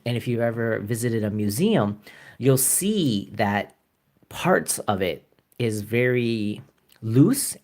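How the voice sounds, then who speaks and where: A Canadian man chatting casually to viewers as he paints live, rambling with many fillers and chuckles. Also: mid-range voice. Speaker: artist streaming live. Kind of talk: casual live-stream chat while painting.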